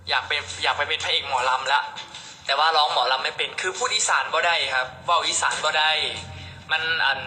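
A man's voice: a little high, fairly even intonation, fairly quick, sharp tone. A man chatting casually on a live stream, reading out viewer comments and selling pork, playful and joking, with a Khmer-speaking background. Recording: echoey room with background noise.

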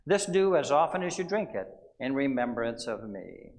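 Pastor reciting liturgy in cathedral-like echo. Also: male voice, mid-range voice, very animated, a little mellow. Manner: solemn, measured, formal phrasing. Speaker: Lutheran pastor. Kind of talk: liturgical recitation at a church service. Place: large church sanctuary at the altar. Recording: long church reverb, cathedral-like echo.

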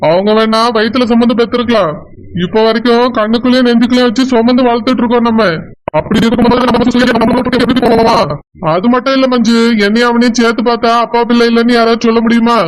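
A man voicing a middle-aged father who gently reasons with and comforts his wife, with a Kanyakumari Tamil accent. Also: very high-pitched, level tone, fast talker, low-quality recording. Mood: consoling.

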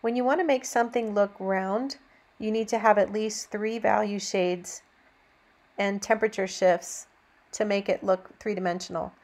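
Female painting teacher, mid-pitched, gentle and encouraging, narrating a step-by-step demo. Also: fairly even intonation, normal speed. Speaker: painting instructor. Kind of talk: instructional demonstration narration.

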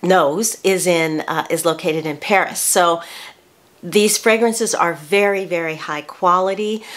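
A woman in her sixties hosting a casual product review vlog from a bedroom, chatty and prone to restarting her sentences. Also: on the low side. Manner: chatty, with frequent restarts and self-corrections. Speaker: beauty vlogger. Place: small bedroom, indoors.

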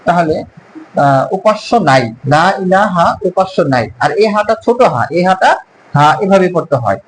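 High-voiced man teaching pronunciation slowly. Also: expressive, a little hiss or hum, low-quality recording. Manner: slow, careful, drawn-out syllables when modelling sounds. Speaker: Arabic teacher. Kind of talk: pronunciation lesson.

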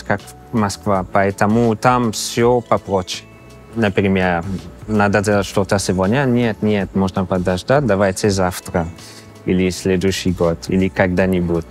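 A Canadian man in his thirties with a Canadian accent and a lowish voice gives casual interview answers in a learned second language, his first language not being Russian. He is halting, pausing often and searching for words with many fillers. He is recorded on a lapel mic indoors in an exhibition hall.

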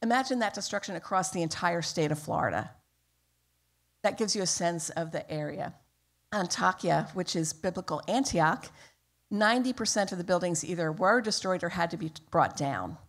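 Woman with a lower voice, earnest and grateful, delivering a church mission report. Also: expressive, normal speed. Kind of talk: church announcement. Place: church sanctuary.

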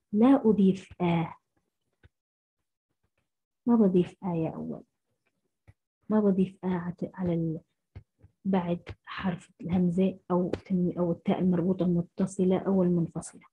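A woman teacher, giving a first-grade phonics lesson and sounding out syllables slowly. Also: lowish voice, husky. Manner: slow, syllable-by-syllable sounding out of letters. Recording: muffled lo-fi recording.

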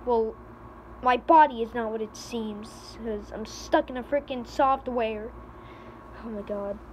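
A teenage girl in a comedy skit vlog, panicky and pleading, often shouting for help. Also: a little high, a little slow, a little hiss or hum. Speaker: vlogger.

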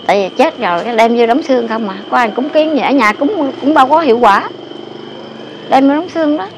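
Older woman, emphatic repetitive storyteller; slightly high voice; noisy outdoor recording with traffic. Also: lively intonation, fast talker. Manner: rambling, repeats phrases, emphatic. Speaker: interviewee telling local lore. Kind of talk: casual storytelling. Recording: noisy outdoor ambience with passing vehicles.

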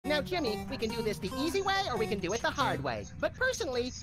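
A woman's voice: a little high, very animated, fast. A woman voicing a manic, gleefully violent little rabbit in a video game, talking in a menacing, wisecracking way. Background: game music.

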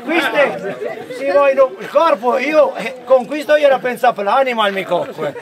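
A man's voice: very high-pitched, animated, normal speed. A man plays a cheeky, jovial begging friar in commedia dell'arte style. A noisy crowd surrounds him outdoors. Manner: repetitive, jovial. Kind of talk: improvised commedia dell'arte farce. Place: open farmyard amid audience.

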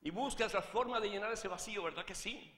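Man, priest preaching, fervent, bright tense voice, long hall reverb. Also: sits high, brisk. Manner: swings from hushed to shouted fervor. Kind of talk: sermon with a joke.

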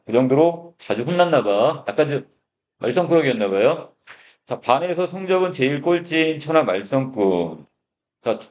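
A man teaches a class, reading a story and stopping to explain its phrases. He keeps asking his students questions and starts his sentences with a prompting word. His middle-pitched voice comes through a muffled, lo-fi recording. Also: darkish tone. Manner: explanatory, asks the class questions, begins lines with "자". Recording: dull lo-fi recording.

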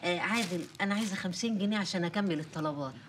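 A woman's voice: lowish voice, racing, a little hiss or hum, lightly acted. An actress with an Egyptian accent playing a blunt, stingy older mother in a sitcom. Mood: bossy. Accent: Egyptian Arabic. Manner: blunt and scolding. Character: bossy, stingy older mother visiting her grown children. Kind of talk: sitcom acting.

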